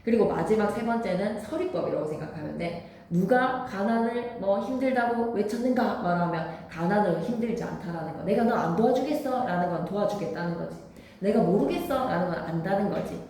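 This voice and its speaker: Woman teacher, mid pitch, emphatic lecturing style, quizzes the class, roomy classroom sound. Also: lively intonation, brisk, a little mellow. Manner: emphatic, quizzes students with questions.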